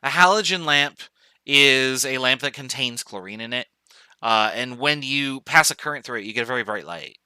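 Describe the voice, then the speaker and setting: Bright, crisp-voiced man lecturing casually. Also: mid-range voice, normal speed, no echo. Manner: casual, joking, thinks aloud with fillers. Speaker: chemistry professor. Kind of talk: online lecture.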